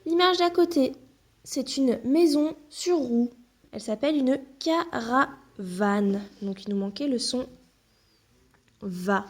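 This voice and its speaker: A woman teacher giving a phonics lesson to young children, spelling out words and syllables slowly and clearly. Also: high-pitched. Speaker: primary school teacher.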